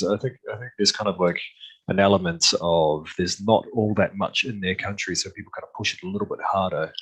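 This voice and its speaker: A man's voice: low voice, husky, poor audio. A man with a New Zealand accent, a guest talking easily on a video call with frequent ums. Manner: easygoing, relaxed, with frequent ums. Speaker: guest tattoo artist. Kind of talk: casual video-call interview.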